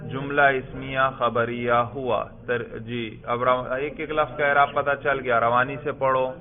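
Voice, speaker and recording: A man's voice: medium pitch, level tone. A man teaching an Arabic grammar lesson, questioning students and drilling their answers. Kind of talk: classroom lesson. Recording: phone-like narrow sound.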